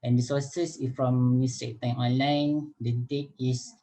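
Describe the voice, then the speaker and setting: A man's voice: medium pitch, little pitch movement, a little slow, dark tone, rough recording. A young man leading a student group discussion over a video call, hesitant with many fillers and restarts. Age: young adult.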